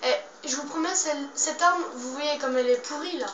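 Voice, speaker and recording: A woman's voice: high voice, brisk. A woman doing casual, slangy game commentary, muttering to herself and swearing mildly as she plays. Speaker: gamer playing a zombie game. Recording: roomy, distant mic, loud background noise.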